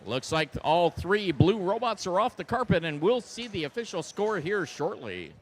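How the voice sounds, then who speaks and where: A man calling play-by-play at a robotics competition as match announcer, energetic and upbeat. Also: high-pitched, moderate pace, a little hiss or hum.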